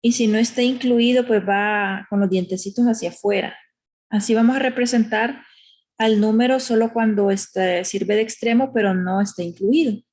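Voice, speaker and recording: Husky woman teacher walking through a math lesson slowly, patient, keeps checking in. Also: on the high side, steady tone, a little mellow. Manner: patient, explanatory, uses diminutives, asks "¿verdad?".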